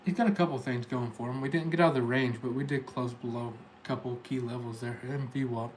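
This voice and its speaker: Chatting casually with his livestream viewers, a day trader from Tennessee, United States, speaks in his local accent. His voice is medium-pitched and steady in tone, fast-paced, with slight background noise.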